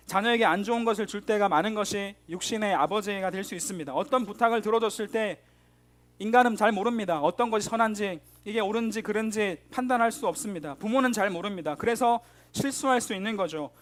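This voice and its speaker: A man's voice: sits high, fast. A middle-aged man, a pastor, preaching a sermon to a youth congregation, earnest and direct, asking his listeners rhetorical questions.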